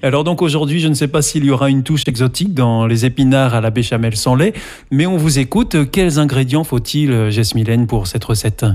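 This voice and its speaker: A man's voice: mid-range voice, a little fast, darkish tone. Man hosting a radio cooking show, chatty, asks lots of questions, mid voice. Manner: chatty, probing questions with fillers. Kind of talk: radio interview.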